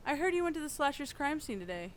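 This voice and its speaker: A woman's voice: high voice, big pitch swings, fast talker, slight background noise. A woman playing the hero's dry, matter-of-fact girlfriend. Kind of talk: amateur comedy film dialogue.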